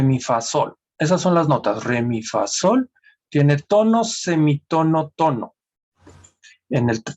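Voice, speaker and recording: A man's voice: on the high side, a little mellow. A man teaching an online seminar, explaining music theory carefully and checking in with his class often. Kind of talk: academic lecture on music theory. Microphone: video call. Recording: dull lo-fi video call audio.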